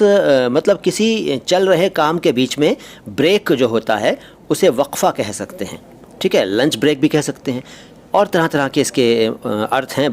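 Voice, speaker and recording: A man's voice: mid-range voice, slight background noise. A man hosting a casual vocabulary lesson, explaining words patiently with small hesitations, recorded on a phone inside a moving train. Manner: explanatory, with frequent hesitations and pauses. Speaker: language teacher and channel host.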